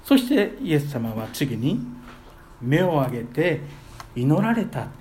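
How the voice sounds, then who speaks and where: A man preaching a sermon as pastor, earnest, with his voice swelling loudly on key phrases. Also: on the high side, sing-song, takes it slowly, slight background noise.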